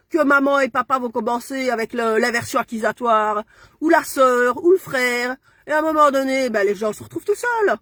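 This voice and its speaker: A woman's voice: high voice, dry recording. A woman, ranting furiously on a social media live stream and punctuating her lines with "hein". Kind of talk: angry live-stream rant.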